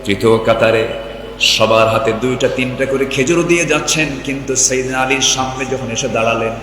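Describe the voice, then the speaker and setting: A man delivers a fervent sermon, his voice surging as he tells the story and calls out to the listeners. His tone is bright and forceful. The sound rings through an echoey PA in a large hall, with a long tail of reverb. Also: mid-range voice, fairly quick, slight background noise. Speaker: preacher.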